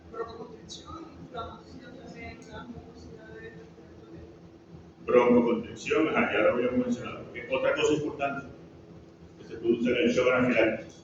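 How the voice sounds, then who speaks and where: Far from the mic amid a noisy background, a mid-range male voice with a Venezuelan Spanish accent delivers a pharmacology lecture. He regularly questions the class and checks understanding with "¿sí?". The large classroom makes the recording echoey and muffled.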